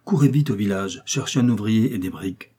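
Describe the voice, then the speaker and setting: An irate country doctor barks orders in a low, husky voice, put on by a man reading an audiobook. He sounds indignant and loud. The tone is dark and mellow. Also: fairly quick. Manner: indignant shouting. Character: irate middle-aged male country doctor.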